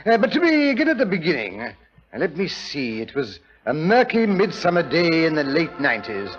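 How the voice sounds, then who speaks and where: Fussy older British doctor, theatrical storyteller, high voice, lively intonation, 1940s radio, muffled archival sound. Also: male voice, normal speed, soft background music. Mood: reminiscing. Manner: avuncular, theatrical, hesitating storyteller. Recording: dull vintage 1940s radio recording.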